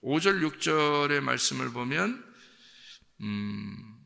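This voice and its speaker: Male pastor, gravelly voice, conversational sermon full of rhetorical questions, long reverb of a church hall. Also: medium pitch, expressive, slow pace, sharp tone. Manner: peppers talk with rhetorical questions to the congregation; acts out quoted parents' scolding lines. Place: church sanctuary.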